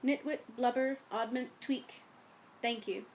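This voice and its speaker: A jovial old wizard headmaster, put on by a woman reader, greets a hall with wide, beaming warmth. His voice rings out lively and raised above a faint hiss. He sounds whimsically eccentric. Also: on the high side, measured pace. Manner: beaming, grandly welcoming.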